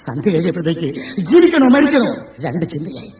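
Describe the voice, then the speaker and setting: A man's voice: on the high side, big pitch swings, fast talker. A man narrating a story dramatically on stage and addressing the audience directly. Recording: echoey live stage from far, loud music.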